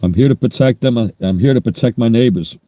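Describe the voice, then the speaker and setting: A New Yorker in his sixties rambles bluntly while hosting a casual livestream chat. He speaks fast in a dark, mid-range voice, and the recording is dry.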